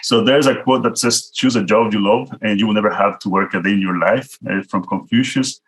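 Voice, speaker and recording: A man from El Salvador with a Central American Spanish accent tells his career story as a guest speaker at an online virtual event, talking directly to listeners in an informal, conversational way. A product manager, he speaks fairly quickly in a fairly low, slightly bright voice, and the recording is low quality.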